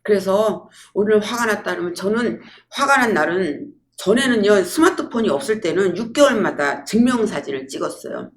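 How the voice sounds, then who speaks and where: A woman giving a public lecture, telling lively stories and acting out quotes. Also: medium pitch, normal speed, hardly any pauses. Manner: lively storytelling with acted-out quotes.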